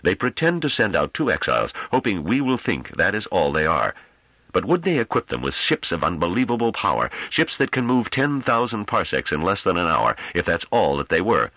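A man reading an audiobook, voicing a male councillor who argues in a grave, measured and sardonic way. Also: low-pitched, sing-song, pushed and bright, no echo, muffled recording, pitched above the performer's own voice, heavily acted. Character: calm sardonic male councillor defending himself.

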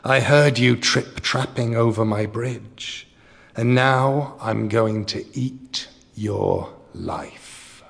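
A huge hungry troll whispers each word slowly and low, all threat and appetite, as a man puts him on. The voice is airy and unhurried, never rising, creeping through a storybook reading. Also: gravelly, breathy edge, full character voice. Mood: menacing. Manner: slow, menacing.

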